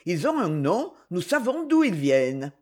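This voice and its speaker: A gentle, firm middle-aged governess, as a woman reads her in a storybook, her voice a little husky and lifting higher than the narration. She rises and falls with lively pitch. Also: a little slow.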